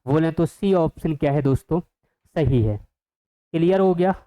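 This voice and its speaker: A man's voice: fairly high pitch, normal speed, dark tone, rough recording. A man teaching an exam-prep math lesson, who keeps asking the viewers questions and then answers them himself.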